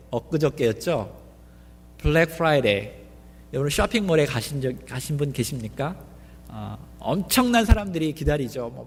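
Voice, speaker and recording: Male pastor, fairly high voice, preaching a sermon with many questions to the congregation, long hall reverb. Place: church sanctuary.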